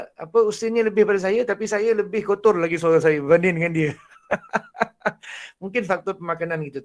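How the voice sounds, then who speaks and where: A man with a Malaysian Malay accent and a naturally husky, breathy voice, teaching a Quran recitation class in a lively way, with frequent laughs. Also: high voice. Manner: animated, laughs often, demonstrates voices. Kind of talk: online lecture.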